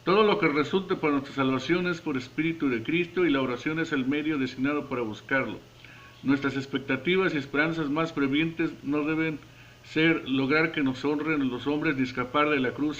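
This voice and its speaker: A man earnestly reading a devotional Bible commentary at a measured pace, with occasional stumbles, closing in prayer. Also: on the high side, fairly even intonation, fairly bright tone, muffled recording. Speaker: devotional preacher.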